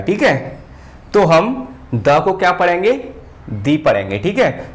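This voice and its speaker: A male teacher giving a whiteboard grammar lesson, pausing and repeating words as he writes. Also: fairly high pitch. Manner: slow, repeats words while writing, often says "ठीक है".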